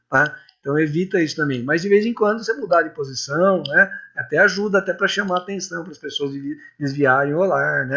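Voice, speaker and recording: A man from Brazil teaches a relaxed lecture class, talking in a chatty way that keeps checking in with his listeners. His voice sits a little high, with a gravelly, husky edge and a bright tone. The recording is dull and lo-fi. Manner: chatty, full of tag questions and anecdotes. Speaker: public speaking teacher.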